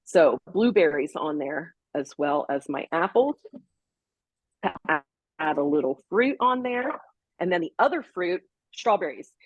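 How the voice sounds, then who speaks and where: A woman's voice: fairly low pitch, animated, unhurried, breathy edge, no room sound, phone-quality sound. A woman co-hosting a health show, chatting casually and explaining step by step as she prepares a salad. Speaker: co-host. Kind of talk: casual cooking demo chat.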